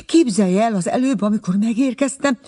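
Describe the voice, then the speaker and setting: A man's voice: sits high, dark tone, voice pushed up. A man voicing an anxious male servant who whispers desperately.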